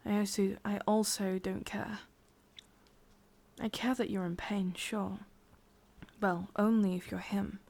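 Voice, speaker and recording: Speaking in a mid-range voice with little pitch movement, a woman with an English accent voices a sadistic, possessive witch for a breathy, whispered ASMR roleplay. She is slow and coaxing, and her mood is cold and possessive.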